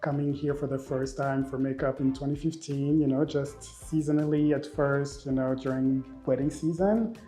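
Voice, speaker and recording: A man in his thirties from Rwanda who grew up in Belgium, a makeup artist speaking casually in an interview, expressive and often repeating words as he thinks. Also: mid-range voice, normal speed, hardly any pauses, faint music behind. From Rwanda, raised in Belgium.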